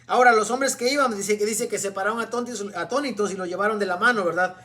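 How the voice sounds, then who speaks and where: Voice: medium pitch, fast, pushed and bright. Preacher explaining scripture, asking "¿verdad?". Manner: often asks the listeners "¿verdad?"; reads scripture aloud and explains it. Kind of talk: sermon with Bible reading.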